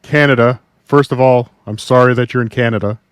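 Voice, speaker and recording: Easygoing host from Minnesota. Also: male voice, medium pitch, fairly even intonation, fairly quick, smooth, dry recording. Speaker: show host. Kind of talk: casual interview chat.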